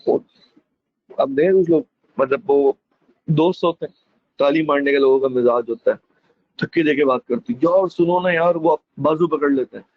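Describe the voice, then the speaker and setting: A male teacher gives a classroom lecture, calling students friends, mixing in English phrases and demonstrating with lively emphasis. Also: medium pitch, normal speed, long pauses, dry recording. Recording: dull lo-fi dry recording.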